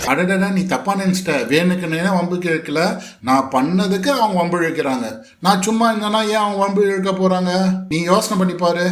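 A man with a notably high voice talks back to a video clip in casual commentary. His replies are sarcastic and mocking. The sound is roomy and echoey. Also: fairly quick. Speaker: reality show commentator.

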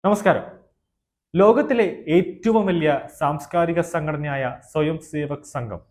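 A man presenting a news report in a formal tone, reading out long lists of names and titles. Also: medium pitch.

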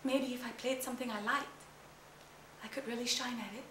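Woman doing a young girl, Singaporean accent, hesitant, giggly, high voice, echoey room. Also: steady tone, a little fast, a bit bright, slight background noise, natural voice. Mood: nervous. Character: nervous young immigrant girl, earnest and playful. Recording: roomy stage sound.

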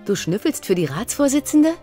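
A woman's voice: on the high side, sing-song, fairly quick, mellow, faint music behind. A woman voicing a kind, polite, earnest young elf princess in a video game. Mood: curious. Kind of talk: video game character dialogue.

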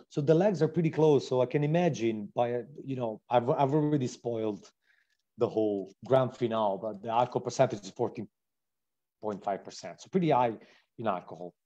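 A man's voice: mid-range voice, a little mellow, highs cut off. A man with an Italian accent hosting a live online wine tasting, describing wines with enthusiasm and frequent restarts. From Italy.

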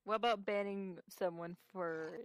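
A woman chatting on a voice call while gaming, halting and searching for words. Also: mid-range voice, fairly even intonation. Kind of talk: casual chat while gaming.

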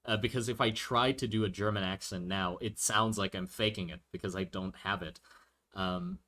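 Drawing a fantasy world live, this streamer chats casually and thinks aloud as he takes viewer questions, frequently starting over mid-sentence. His voice sits on the low side and has a sharp tone.

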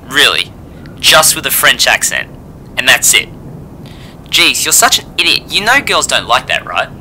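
A man's voice: medium pitch, sing-song, moderate pace, bright, forceful tone, slight background noise, heavily acted, rough recording. A man playing a sarcastic, fed-up buddy. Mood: mocking. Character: exasperated young male friend, sarcastic. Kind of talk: amateur game machinima acting.

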